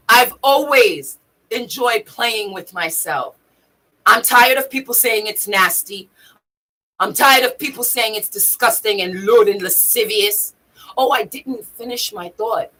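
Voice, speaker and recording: A woman hosting a spiritual livestream, talking in a profane, emphatic, preachy way and swinging from low muttering to high shouting. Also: unhurried, poor audio. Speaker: livestream host.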